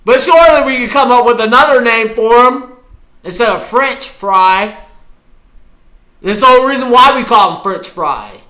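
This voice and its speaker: This live football reaction comes from a goofy, chatty male streamer who talks to viewers throughout. His voice is very high-pitched, bright and forceful, at normal speed.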